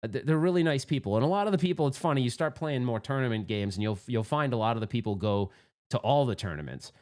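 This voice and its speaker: A man's voice: mid-range voice, expressive, fast talker, a little mellow. A man hosting his own channel, telling a rambling, self-mocking story in a casual, candid way. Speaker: pinball channel host.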